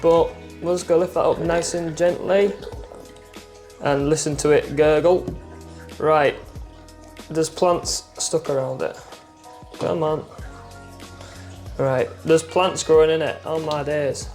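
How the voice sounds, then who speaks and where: Friendly male hobby vlogger, slightly higher pitch, chatty, laughs at his own mishaps, talking into a phone mic by his tanks. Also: fairly even intonation, slow pace, long pauses, a little mellow, faint music behind. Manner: chatty, self-deprecating, laughs at himself. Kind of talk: casual chatty tutorial vlog. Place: indoors at home by his fish tanks. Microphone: clip-on mic, then phone mic.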